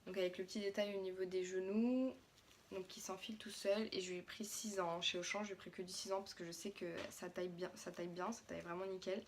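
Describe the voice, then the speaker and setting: A woman's voice: medium pitch, flat delivery, quick pace, slight background noise. A young French woman, a mother, chatting casually through a haul of her daughter's clothes with plenty of fillers and restarts.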